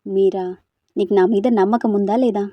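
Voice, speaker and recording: A woman's voice: mid-range voice, fairly even intonation, normal speed, no room sound, highs cut off, natural voice. A woman voicing a protective young man who comforts a frightened girl and stands up to a bully, in an audio story. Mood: reassuring. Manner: firm, reassuring.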